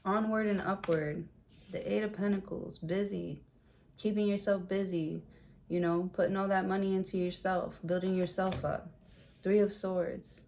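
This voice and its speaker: A woman's voice: medium pitch, steady tone, normal speed, gravelly, darkish tone, a little hiss or hum. A woman giving a casual tarot reading, blunt and chatty with plenty of swearing, in a room with a window open. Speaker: tarot reader.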